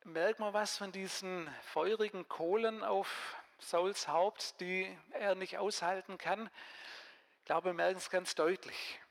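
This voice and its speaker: A man's voice: high-pitched, steady tone, takes it slowly, creaky. A man giving a conversational sermon, reading a Bible passage and asking his listeners questions. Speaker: preacher. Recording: long hall reverb.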